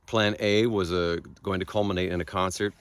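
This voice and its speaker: An American man speaking as a guest on an outdoor bike trip video, talking in a thoughtful, wry, soft-spoken way. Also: low-pitched, steady tone, fairly quick, smooth. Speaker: guest and local guide on the ride. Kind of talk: casual outdoor chat. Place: outdoors by a lake.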